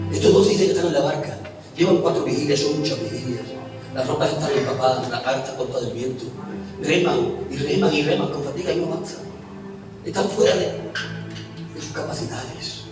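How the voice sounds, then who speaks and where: A man with an Extremaduran accent preaching an evangelical sermon, telling the story with animation and swinging between loud and hushed delivery. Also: mid-range voice. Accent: Extremaduran Spanish. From Extremadura, Spain. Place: church hall. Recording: echoey hall from a distance with loud music.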